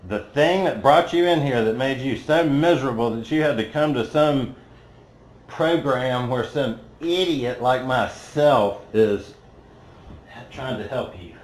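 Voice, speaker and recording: A man in the middle of a live spiritual talk in an auditorium, with an ordinary pitch for a man. He talks bluntly and curses freely as he makes his points. His voice swells to loud, emphatic peaks and then sinks back to low, quiet stretches. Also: echoey room, slight background noise, poor audio. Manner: blunt and profane, swearing freely. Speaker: spiritual teacher. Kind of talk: live motivational talk to an audience.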